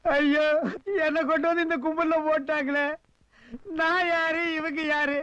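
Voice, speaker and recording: A man in a film comedy scene who mocks and scolds the people around him with quick insults. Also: very high voice, level tone, pushed and bright, dry recording, muffled recording, full character voice. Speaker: comic lead in a film scene.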